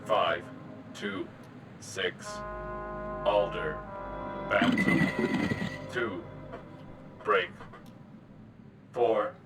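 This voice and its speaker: Mechanical genderless caller, very low and very slow, performed by a man, heard distant. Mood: droning. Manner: flat, monotone, mechanical. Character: genderless mechanical voice reading numbers. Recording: distant, loud music behind.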